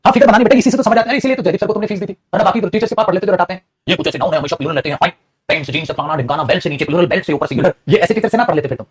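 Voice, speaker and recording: A man teaching English grammar in an animated, teasing classroom style, often calling his students "beta". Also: high-pitched, rapid-fire, breathy edge. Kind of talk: lively classroom lecture. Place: studio.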